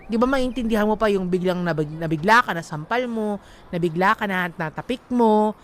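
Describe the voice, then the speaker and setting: On a radio show with background music, a Filipino-accented woman co-hosts, reading out letters and offering emphatic advice. She has a mid-range voice at normal speed, and there's a slight hiss or hum.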